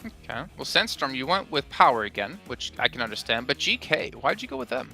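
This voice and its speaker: Male desk host, quick and sharply bright, playful questions to panel. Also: mid-range voice, sing-song, creaky, soft background music. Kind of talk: hosting analyst desk.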